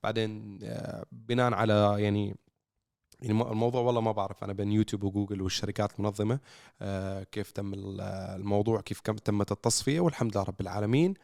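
Brief: male podcast co-host, Levantine accent, smooth clear voice, dry close sound, halting casual delivery. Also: lowish voice, fairly even intonation, darkish tone, no room sound. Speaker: car content creator and show co-host.

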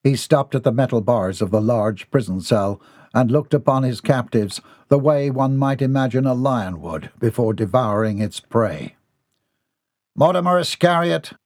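Husky-voiced man narrating an audiobook. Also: medium pitch, darkish tone, dry recording, clean studio sound. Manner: measured, formal storytelling.

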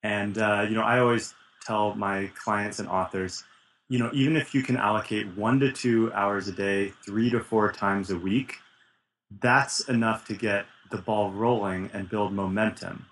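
Low-voiced male host, faint hiss. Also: fairly even intonation, normal speed, a bit bright, rough recording. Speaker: podcast host and writing coach. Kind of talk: casual interview.

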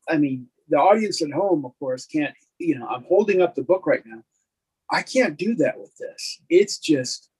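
A man's voice: fairly high pitch, darkish tone, slightly rough, low-quality recording. A middle-aged man co-hosting a podcast, chatting casually in a rambling, self-deprecating way with lots of fillers. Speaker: podcast co-host. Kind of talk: casual chat.

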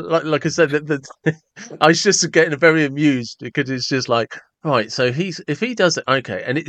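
Male podcast host, casual and animated, mid-pitched voice recorded dry and close. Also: no echo. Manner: amused, animated storytelling. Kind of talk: casual conversation.

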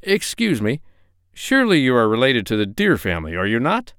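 A man's voice: medium pitch, huge pitch swings, fairly quick, fairly bright tone, smooth, no echo, studio quality. A man playing a kind, modest, absent-minded doctor in a storybook, mild and musing. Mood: interested.

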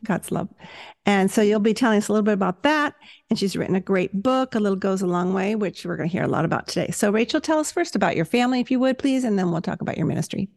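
A woman's voice: medium pitch, lively intonation, fast talker, vocal fry, darkish tone. A woman in her seventies hosting a faith podcast, speaking in an encouraging way and laughing along with her guest. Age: 70s. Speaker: podcast host.

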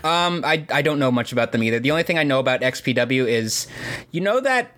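A man's voice: medium pitch, lively intonation, quick pace, a bit bright, slight background noise. A man co-hosting a podcast, chatting casually and joking. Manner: chatty, jokey. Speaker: podcast co-host. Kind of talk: casual chat.

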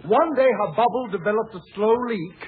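An actor playing a grandiose old-timer with flowery, pompous, drawn-out speech in old-time radio comedy style. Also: male voice, high-pitched, very noisy, lightly acted. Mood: grand nostalgia. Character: grandiose old-timer, florid and theatrical male friend. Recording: tinny vintage radio broadcast.

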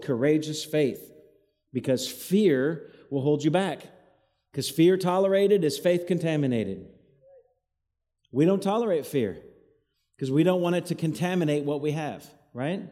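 Man, pastor, call-and-response sermon, cave-like echo, slightly high mellow voice. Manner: call-and-response preaching, has the crowd repeat after him. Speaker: associate pastor. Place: church hall, evening service. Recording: echoey church hall, cave-like reverb.

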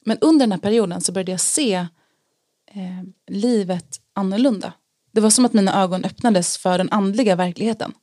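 A woman telling her personal story in an interview, earnest and reflective, pausing often with fillers. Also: mid-range voice, warm tone, dry recording, clean studio sound. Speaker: interview guest sharing testimony. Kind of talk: personal testimony in conversation.

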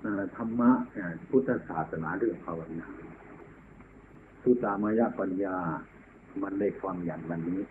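A deep-voiced Buddhist monk gives a Dharma talk in a plain, folksy way, going back over each point. His voice comes through a thin, phone-like band. A steady hiss runs under the old tape recording. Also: unhurried.

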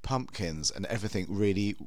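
A man's voice: on the low side, lively intonation, brisk, no room sound, studio quality. A British man in his fifties chatting casually as a podcast host, rambling with false starts. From United Kingdom. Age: 50s. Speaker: podcast host, drag queen horror host.

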